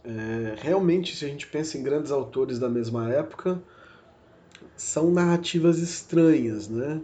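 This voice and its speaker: This literature lecture, recorded as a university podcast, features a man with a Brazilian Portuguese accent whose dark voice sits on the high side. He speaks at a measured pace, thinking aloud with plenty of fillers and corrections of himself. A little hiss or hum runs underneath.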